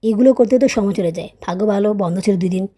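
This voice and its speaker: Young woman vlogger, casual voice-over, quick and mellow, chatty storyteller. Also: medium pitch. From Bangladesh. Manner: chatty, storytelling, often adds tag questions; raised, scolding teacher voice when tutoring her child. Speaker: vlogger, mother.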